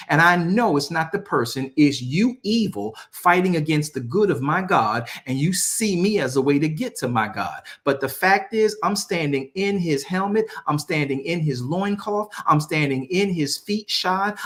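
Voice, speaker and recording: A man preaching an online sermon, emphatic and repetitive, asking rhetorical questions and dropping low and soft on key words.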